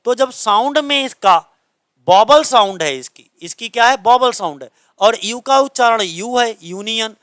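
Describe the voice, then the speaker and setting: A man from India teaches a grammar class, with a high voice and a crisp, smooth tone. He explains patiently, says each rule again and keeps asking if students understand. The recording is dry and close. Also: lively intonation, normal speed, fairly bright tone, no echo. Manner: explains patiently, repeats points and checks understanding. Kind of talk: classroom lesson. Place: coaching centre classroom.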